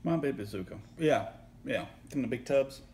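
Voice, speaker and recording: A man's voice: mid-range voice, expressive, normal speed, a little mellow, a little hiss or hum. A man with an East Tennessee accent, tasting snacks in casual chat, joking and hunting for words. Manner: joking, rambling, hunts for words. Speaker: co-host taste tester.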